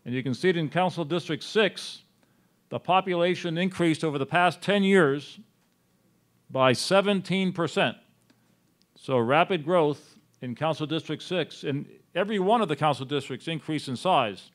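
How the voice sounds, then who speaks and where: A man presenting census figures at a city town hall meeting, speaking in a measured way with frequent pauses. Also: fairly high pitch. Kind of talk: slide presentation on census data.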